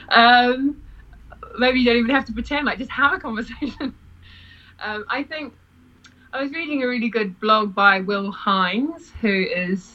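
A woman's voice: a little high, unhurried, long pauses, lo-fi sound. A woman who teaches improv, chatting casually, laughing often and acting out quoted lines. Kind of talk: casual podcast chat.

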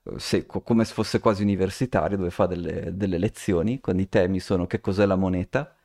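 A man's voice: deep voice, steady tone, a little fast, creaky, a little mellow. A man co-hosting a podcast, telling a story in casual chat, rambling with many restarts and fillers. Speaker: podcast co-host.

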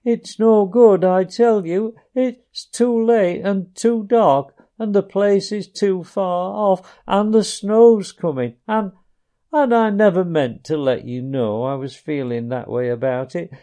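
A man's voice: sits high, takes it slowly, mellow, voice pushed up. A man voicing a tearful, timid little male mole who stammers and pleads through broken sobs. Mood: pleading.

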